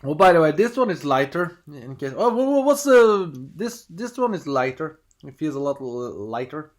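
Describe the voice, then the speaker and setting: Here the Norwegian-accented vlogger sounds slightly high, with wide pitch swings at a normal speed. Unboxing at home, he chats loosely and hesitantly, restarting often and voicing the screen prompts as he goes.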